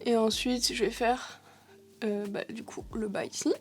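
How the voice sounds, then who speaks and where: A woman's voice: a little high, fairly even intonation, measured pace, husky. A young woman talking through a makeup tutorial in a chatty, thinking-aloud way, with frequent hesitations. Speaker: beauty vlogger.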